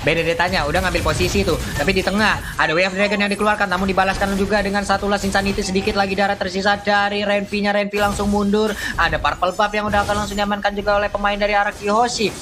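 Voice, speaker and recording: A woman's voice: mid-range voice, flat delivery, fast, few pauses, music in the background. A woman with an Indonesian accent giving live play-by-play commentary on an esports match. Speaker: esports caster.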